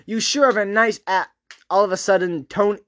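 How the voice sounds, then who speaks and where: A man's voice: sits high, steady tone, fairly quick, crowd noise. A man co-hosting a podcast, chatting casually and reading fan fiction aloud, often breaking into laughter. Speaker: podcast co-host.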